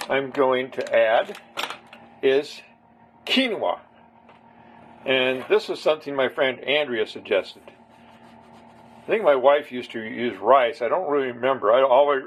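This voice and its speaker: A home cook with a mid-range, slightly breathy voice casually walks viewers through a recipe step by step. His cooking demonstration is rambling and chatty.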